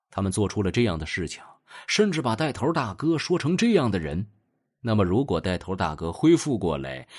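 Lively male audio drama narrator. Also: fairly low pitch, breathy edge. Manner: dramatic, expressive storytelling.

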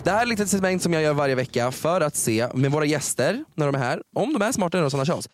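A man hosting a podcast in animated, casual banter, mixing in English phrases and laughing often. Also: on the high side, faint music behind. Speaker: podcast host.

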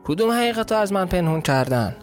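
A man's voice: high voice, sing-song, pitched above the performer's own voice. A bewildered, polite orphan boy with a southern Iranian accent, timid and apologetic, as a man puts on his voice. His voice is raised well above the reader's own, with faint music under the storybook reading.

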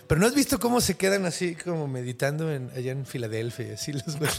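A man's voice: expressive, fast, vocal fry. A man with a Mexican accent telling a folk tale in casual, slang-filled chat, acting out the characters' lines. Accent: Mexican Spanish. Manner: slangy, acts out characters' lines with big pitch swings. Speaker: storyteller host.

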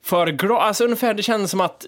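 Male co-host, meandering storyteller, slightly high voice. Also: fairly bright tone. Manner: rambling storyteller, lots of fillers. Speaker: podcast co-host. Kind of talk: casual chat.

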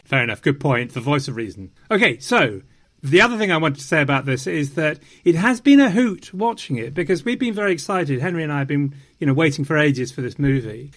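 Man, wry and theatrical, slightly high voice. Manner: theatrical, wry, slips into mock French. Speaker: podcast host. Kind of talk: casual chat.

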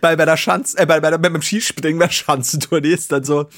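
A man's voice: a little high, fairly even intonation, quick pace, fairly bright tone. A man co-hosting a podcast, explaining things casually and laughing often. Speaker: podcast co-host. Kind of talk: casual chat.

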